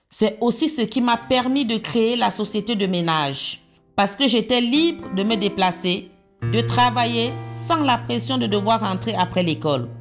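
A woman, calmly telling her life story in short, plain sentences. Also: mid-range voice. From Cameroon. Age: 40s. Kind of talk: personal testimony. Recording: soft guitar music underneath. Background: plucked guitar music.

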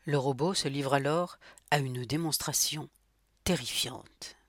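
A woman narrating a story as an audiobook, with steady, measured delivery. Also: rumbling low, no echo, clean studio sound.

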